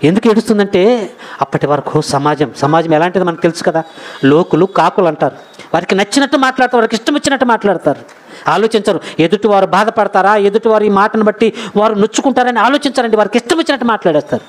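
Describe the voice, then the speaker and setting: A man's voice: high voice, fast. A man preaching a sermon, emphatic and repetitive, addressing his listeners directly. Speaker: preacher, Bible college principal.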